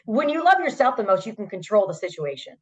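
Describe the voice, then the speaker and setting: A woman's voice: mid-range voice, sing-song. A woman co-hosting a podcast, chatty and agreeable. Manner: agreeable, chatty, quick to laugh. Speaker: podcast co-host. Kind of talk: casual chat.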